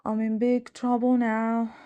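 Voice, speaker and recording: A woman's voice: a little high, completely flat delivery, unhurried, warm tone, clean tone, no room sound, close to an everyday voice. A woman reading the part of a cheeky, careless boy apprentice who turns whiny when scared. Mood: relieved.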